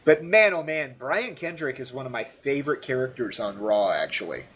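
An American man co-hosting a casual podcast, talking excitedly with stammered restarts and frequent laughter. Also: mid-range voice, moderate pace, slight background noise. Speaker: podcast co-host. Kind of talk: casual wrestling recap chat.

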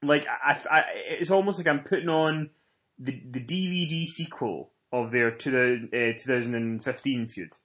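This man has a mid-range, slightly bright voice and talks at a normal speed. As a co-host on a casual wrestling review podcast, he offers fan commentary and easygoing chat, sounding emphatic, gushing, and informal.

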